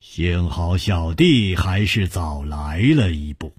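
A man's voice: sits low, expressive, a little mellow, slightly rough, no echo, clean studio sound, pitched below the performer's own voice, exaggerated voice. A man playing a stern, commanding young sect leader. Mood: courteous. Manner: measured, commanding, slow and weighty.

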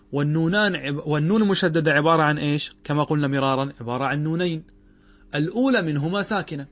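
In a fairly high voice, a man acting as a sheikh teaches a grammar lesson. He works through it step by step, asking questions and answering them himself, and stretches out example words slowly.

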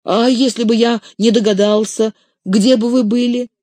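A reader voicing a devoted, excitable young male hobbit servant who pleads in shrill, tearful outbursts. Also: moderate pace, no echo, close to an everyday voice. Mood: pleading. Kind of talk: audiobook character reading.

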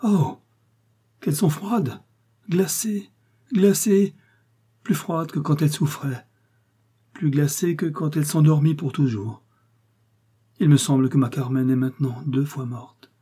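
A heartbroken lover, pitched high in his anguish, as a male reader voices him in an audiobook. His tone is mellow and slightly husky, and he pours out his lament in pleading, swelling cries. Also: takes it slowly, long pauses, exaggerated voice. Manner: sobbing lament, rising to cries and wild laughter. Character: grief-stricken man mourning his dead beloved, turning mad. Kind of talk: audiobook character reading.

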